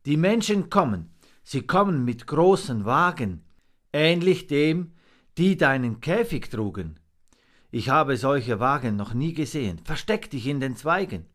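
A man voicing a wise old male raven in a storybook reading, his voice rough and raised somewhat above the reader's own. The bird speaks in a stern, commanding way, slowly and with a lively rise and fall. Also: medium pitch, voice pushed up. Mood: urgent.

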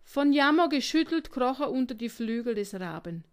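A woman reading a children's story aloud as narrator, gentle and unhurried. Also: sits high, expressive, smooth.

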